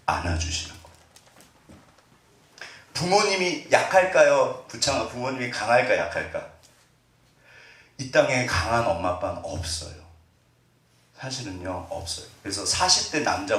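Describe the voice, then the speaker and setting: Middle-aged pastor preaching in a roomy church. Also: male voice, fairly low pitch, fairly bright tone. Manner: conversational, quizzes the congregation with questions; acts out family members' words in quotes. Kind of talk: sermon. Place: church sanctuary. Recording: roomy sound, distant from mic.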